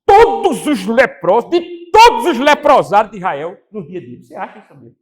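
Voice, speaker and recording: A man preaching a sermon as pastor, animated, acting out quotes and putting questions to the congregation. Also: extremely high pitch, moderate pace.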